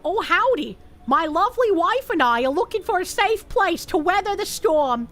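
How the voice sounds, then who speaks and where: A woman voicing a middle-aged country husband who is overly courteous and pushy, with a folksy, falsely sweet manner and a lowered voice. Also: very animated, normal speed, fairly bright tone, exaggerated voice. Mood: polite, ingratiating.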